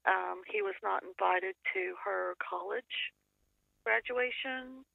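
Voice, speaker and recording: A woman calling in to an advice show, speaking haltingly with many pauses, heard over a phone line. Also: medium pitch, gravelly, no echo. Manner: halting, many ums and trailing off. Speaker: caller.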